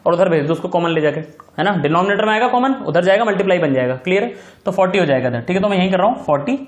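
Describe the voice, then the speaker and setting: A man's voice: sits high, roomy sound. A man teaching a physics class in mixed with terms, repeating key steps and checking often whether his students follow. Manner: affectionate address to students. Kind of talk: recorded classroom lecture.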